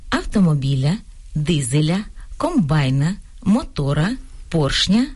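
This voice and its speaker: A woman co-presenting a scripted radio talk on grammar, reading out examples in a clear, deliberate way. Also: deep voice, big pitch swings, a little mellow. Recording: radio studio broadcast.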